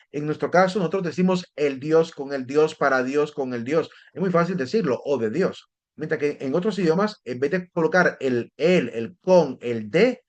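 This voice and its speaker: A man teaching a theology class, explaining step by step and often checking in with his listeners. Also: a little high. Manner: explanatory, repeats words and restarts, asks "¿verdad?" often. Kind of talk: lecture on theology.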